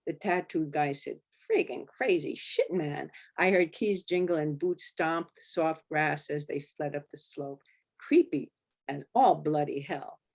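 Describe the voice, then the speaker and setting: A woman with a low, deep voice reads her own memoir aloud at a public library event. Her delivery is steady and flat, close to a monotone. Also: a little slow. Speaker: memoir author.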